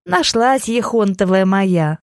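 A woman's voice: medium pitch, very animated, takes it slowly, darkish tone, dry recording, studio quality. A woman voicing a hunched, sly old crone who fawns and laments in a quavering voice, full of sugary endearments. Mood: cooing.

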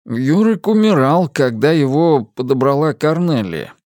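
Male reader doing a pushy police colleague, raised higher pitch, audiobook crime story, dry close mic. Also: very animated, measured pace, a little mellow, no echo. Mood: explaining. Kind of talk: audiobook reading.

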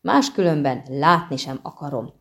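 A woman voicing a haughty, petulant female siren in an audiobook, shrill and demanding. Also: animated, gravelly, fairly bright tone, heavily acted. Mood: indignant. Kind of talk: audiobook reading.

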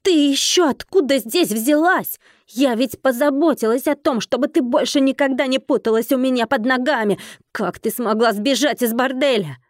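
A woman voicing a brash, scheming young woman with a haughty, shouting manner. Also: medium pitch, little pitch movement, a little fast, hardly any pauses, no room sound, studio quality, lightly acted. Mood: indignant.

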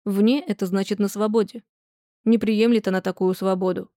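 A woman voicing a calm, thoughtful young man who reasons patiently. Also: mid-range voice, a little fast, no echo, clean studio sound, natural voice.

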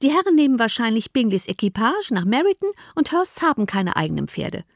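A composed young woman , as voiced by a woman narrator, answers calmly and plainly, close to her reader's own voice. The recording is dry and close. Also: on the high side, fairly quick, gravelly, dry recording, exaggerated voice. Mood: matter-of-fact.

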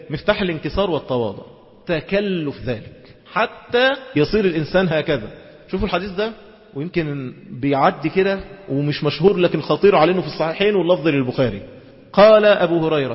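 A man with an Egyptian accent giving an Islamic lecture, switching between classical quotations and quick colloquial asides. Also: a little high. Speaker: preacher. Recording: dull lo-fi recording in a reverberant hall.

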